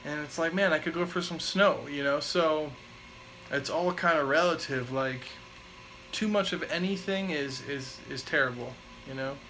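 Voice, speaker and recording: A man in his twenties with a slightly high voice talks at a moderate pace, rambling casually through live chat questions as a vlogger, relaxed and full of fillers. The recording is low quality with slight background noise.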